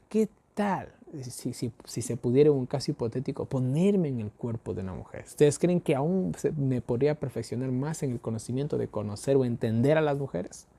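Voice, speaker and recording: With a warm, mid-range voice touched by vocal fry, this Ecuadorian-accented teacher runs a daily Bible study. He asks himself rhetorical questions, then answers them in homespun fashion, drawing on ordinary examples.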